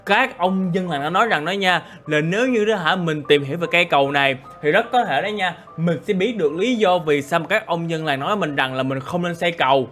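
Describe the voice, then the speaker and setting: Excitable gamer man. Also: on the high side. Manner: excitable, exclamatory, chatty asides to viewers. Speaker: gaming YouTuber. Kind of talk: Minecraft role-play commentary.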